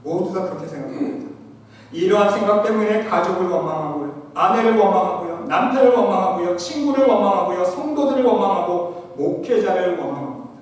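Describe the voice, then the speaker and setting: A man preaching a sermon to his congregation as pastor, swinging between loud exhortation and quiet asides. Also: high-pitched, lively intonation, brisk. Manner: addresses the congregation often. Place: church sanctuary. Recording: echoey church hall, preacher far from mic.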